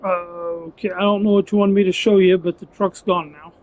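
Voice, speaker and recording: A man's voice: high voice, flat delivery, a little fast, a little mellow, dull audio. A man giving casual gameplay commentary as a gaming channel host, chatty, with joking asides.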